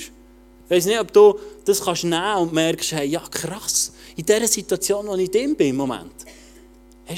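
A man preaches a casual, colloquial sermon straight to the listener, swinging from loud urging to quiet intensity. His voice sits on the high side.

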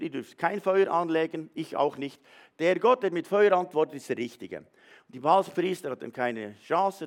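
A man preaching a sermon, retelling a story with animation and speaking straight to the congregation. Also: a little high. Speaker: pastor.

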